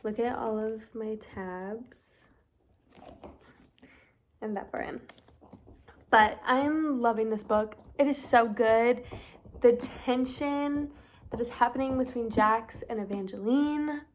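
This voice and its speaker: A young woman in her twenties gushes through a casual reading vlog, full of fillers and excitement. Her voice sits a little high. A faint room hum sits under the recording. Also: slow, pauses often, poor audio. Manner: gushing, chatty, lots of fillers. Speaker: book vlogger.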